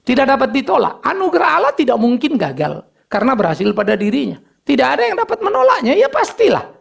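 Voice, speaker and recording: Male pastor, sermon delivery, gravelly husky voice, animated and conversational. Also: very high voice, quick pace. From Indonesia. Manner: lively preaching, mixes in casual asides and acted dialogue.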